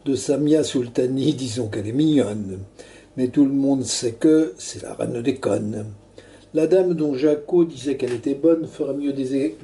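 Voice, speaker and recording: Hammy stage actor guy, really dark mellow voice, reciting satirical verse all grand and pompous. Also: mid-range voice. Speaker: performer reciting a comic verse tirade. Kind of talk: theatrical declaimed satirical verse monologue.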